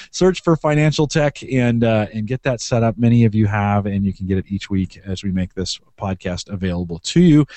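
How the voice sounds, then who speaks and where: A man's voice: medium pitch, darkish tone, no echo. A man hosting a podcast in a casual, conversational style. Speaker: podcast host.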